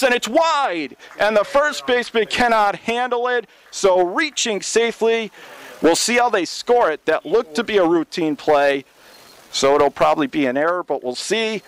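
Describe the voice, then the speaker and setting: A young man does radio play-by-play for a college baseball game, his delivery smooth, steady and measured. On big plays his pitch jumps up.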